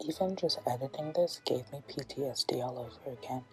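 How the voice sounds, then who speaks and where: A young woman narrating a voice-over in a hushed, dramatic whisper. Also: rumbling low, fairly quick, faint music behind. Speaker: vlogger.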